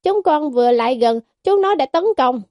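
Pleading young son voiced by a woman, tearful, high-pitched, dry close sound. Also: expressive, moderate pace, no room sound, lo-fi sound. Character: cheerful young man, tearful son reunited with mother.

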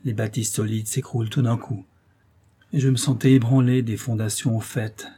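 A man voicing an anguished middle-aged contractor father in an audiobook, speaking loudly in a hoarse, clipped, emphatic way. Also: mid-range voice, little pitch movement, moderate pace, natural voice. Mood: grieving. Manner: loud, grieving, emphatic pleading. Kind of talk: audiobook character voice.

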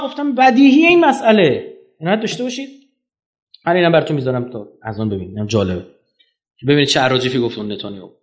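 A man lectures an audience emphatically, firing off rhetorical questions while his pitch swings up and down.

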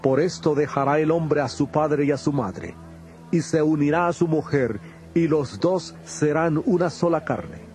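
An actor playing Jesus as a grave, patient teacher in a dramatized audio Bible, speaking in a solemn, measured way. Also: male voice, on the high side, a little mellow, soft background music, natural voice. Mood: solemn teaching. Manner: solemn, deliberate, measured delivery.

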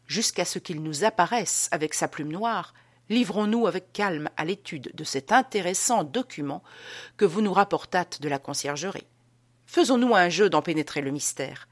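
A pompous gentleman lecturing his friends, stressing each point and pausing for rhetorical questions, read by a woman narrator. The voice sits fairly low and swings widely in pitch. The recording is dry and close. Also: no echo. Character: pompous man lecturing on souls.

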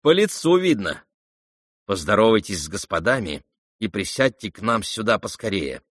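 A man's voice: sing-song, normal speed, fairly bright tone, dry recording, studio quality. A male reader voicing a feverish, eager young invalid in an audiobook. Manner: eager, emphatic, raised pitch. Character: feverish, ailing young man, eager and intense. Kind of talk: audiobook character reading.

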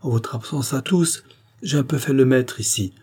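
A man's voice: mid-range voice, moderate pace, a little mellow, husky, pitched above the performer's own voice, lightly acted. A man putting on an eager old gamekeeper. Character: old male farm gamekeeper, kindly and fussing.

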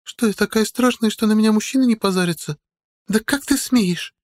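A man doing a pouty rich girl in falsetto. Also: a little fast, natural voice. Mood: indignant. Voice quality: high girlish falsetto. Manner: pouting, wheedling. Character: spoiled, pushy young rich girl. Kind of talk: audiobook character voice.

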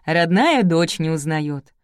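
A proud old grandmother with a sharp tongue, as a woman reader puts her on, blunt and teasing in a storybook reading. The voice sits low and is close and dry on the mic. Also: expressive, slow, clear, resonant tone, no echo.

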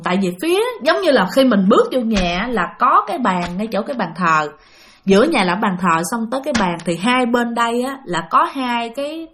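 A woman narrating a spooky spiritual story, lively and speaking straight to her listeners. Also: mid-range voice. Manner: animated, addresses listeners directly. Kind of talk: spoken ghost story.

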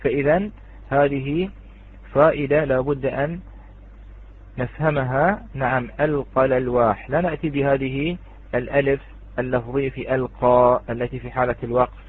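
A man teaching Quran recitation rules in an online lesson, patiently repeating words slowly as he explains. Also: mid-range voice, fairly even intonation, husky. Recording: phone-like online audio.

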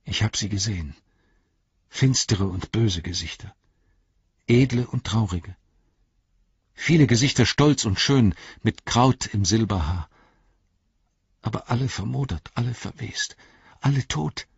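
A man voicing a dazed young hobbit in an audiobook, speaking in a hushed, entranced way. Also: mid-range voice, lively intonation, slow, long pauses, breathy edge, dry recording, dull audio, pitched above the performer's own voice, full character voice. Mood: dreamy. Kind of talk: audiobook character voice.

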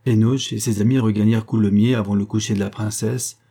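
Male audiobook narrator, measured and steady; low, husky voice. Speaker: audiobook reader. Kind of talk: scripted narration.

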